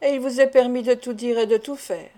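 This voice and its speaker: A scheming ship's mate answers with cold mockery, voiced by a woman reading aloud. The voice sits fairly high and has a soft, mellow tone. It is a plain audiobook rendering. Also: steady tone, moderate pace, lightly acted. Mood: mocking. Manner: cold, mocking replies. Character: scheming ironic ship's mate, adult man.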